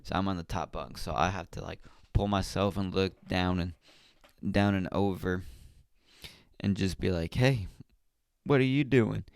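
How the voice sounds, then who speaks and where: A man's voice: low voice, steady tone, normal speed, creaky, clean tone, no room sound, studio quality. A man hosting a podcast, telling a rambling casual story with slang and fillers. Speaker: podcast host.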